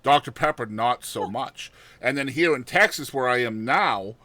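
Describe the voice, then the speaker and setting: A man's voice: medium pitch, animated, normal speed, pushed and bright, dry recording. A middle-aged man from Massachusetts hosting a podcast interview, chatty and jokey, laughing often. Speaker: podcast host. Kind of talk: casual interview chat.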